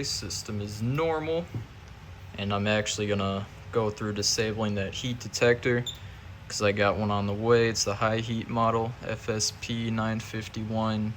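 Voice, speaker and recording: A man's voice: on the low side, steady tone, a little slow, a bit bright, a little hiss or hum. A man giving a casual hands-on demonstration, narrating each step informally as he goes. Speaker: fire alarm hobbyist demonstrator.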